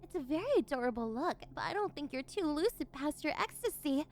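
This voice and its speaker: A woman's voice: sits high, animated, fairly quick, a little mellow. A woman playing a possessive, unhinged yandere villainess in an ASMR role-play, cooing and teasing condescendingly as she domineers over her captive. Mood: smug, domineering.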